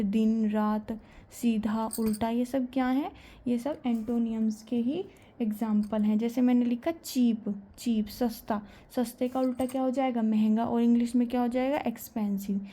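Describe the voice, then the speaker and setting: Lady teacher explaining grammar, soft warm voice, keeps asking and answering her own questions. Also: fairly high pitch. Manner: asks questions and answers them herself.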